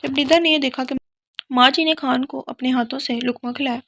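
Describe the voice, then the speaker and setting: A woman narrates a romance novel as an audiobook, reading steadily. Her voice is gravelly and a little high, with a flat, even melody. The recording is dry and close. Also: no echo, lo-fi sound.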